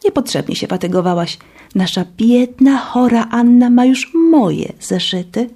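A woman's voice: on the high side, animated, a little slow, dark tone, voice pushed up. A woman reading an audiobook and voicing Katia, a haughty, domineering schoolgirl who speaks dismissively. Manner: dismissive, condescending.

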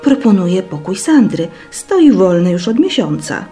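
A woman's voice: fairly low pitch, very animated, normal speed, mellow, faint music behind. A woman voicing a fussy, doting older headmistress in an audiobook, who gushes and frets in a motherly way. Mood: soothing.

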